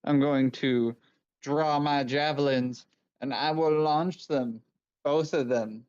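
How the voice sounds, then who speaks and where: A man's voice: mid-range voice, steady tone, slow, a little mellow, clean tone, highs cut off. A man playing in a tabletop game, talking through his moves in a matter-of-fact, casual way. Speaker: player.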